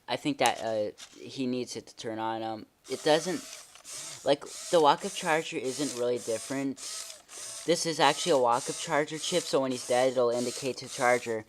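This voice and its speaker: Toy reviewer, halting delivery, informal demo, trailing sentences, mid pitch, slight mechanical noise, handheld home recording. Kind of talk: casual hands-on demonstration. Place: carpeted living room at home. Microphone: handheld camera held by the speaker. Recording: noisy home video with mechanical clicking. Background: robot toy motor whirring and clicks.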